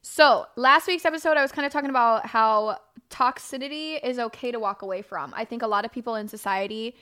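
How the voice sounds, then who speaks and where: A woman's voice: on the high side, brisk, sharp tone, smooth. Candid woman hosting a podcast. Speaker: podcast host. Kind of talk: casual, confessional podcast talk.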